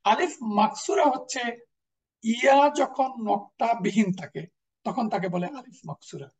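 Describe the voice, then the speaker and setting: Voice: mid-range voice, lively intonation, normal speed. A teacher, patiently explaining grammar and repeating each example word. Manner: patient explanation, repeats example words, mixes in English terms. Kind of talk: classroom lecture. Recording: voice distant from the mic.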